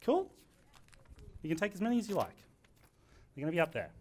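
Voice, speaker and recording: A man with a slightly high voice teaches a workshop group, his pitch swinging widely as he talks. He sounds energetic and jokes a lot, speaking live to people in the room. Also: fairly quick. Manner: energetic, animated, joking. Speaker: workshop presenter.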